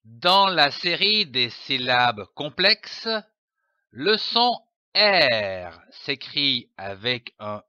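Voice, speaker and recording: A man's voice: on the high side, pushed and bright, smooth, no echo. A man narrating a scripted reading lesson, carefully spelling out letters and syllables. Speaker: reading teacher.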